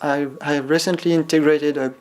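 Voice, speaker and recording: A man in his twenties from France, a producer answering interview questions carefully and pausing to find his words. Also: on the high side, steady tone, darkish tone. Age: 20s.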